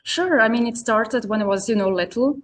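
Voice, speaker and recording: A young Serbian woman, founder of an online business community, speaks English as a podcast guest in a casual interview. Her voice is a little high and her pace normal. She leans heavily on hesitant fillers like "you know" and "um".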